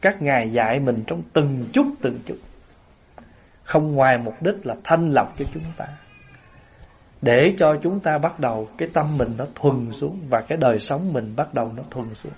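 A man giving a Buddhist sermon to an assembly, telling lively everyday stories. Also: mid-range voice, normal speed. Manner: lively storyteller, acts out everyday scenes with laughter. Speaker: Buddhist monk giving a Dharma talk.

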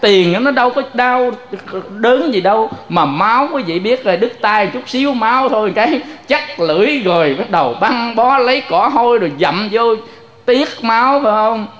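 High-voiced male preacher. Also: normal speed. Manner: lively storytelling, addressing listeners directly. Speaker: Buddhist preacher. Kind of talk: sermon.

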